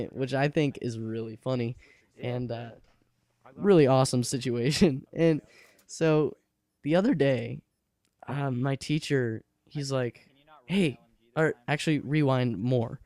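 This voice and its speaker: A man's voice: medium pitch, measured pace, dark tone, no echo. A teenage young man chatting casually over gameplay at home, rambling and laughing often. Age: late teens. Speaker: gaming channel host. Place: alone at home by his computer.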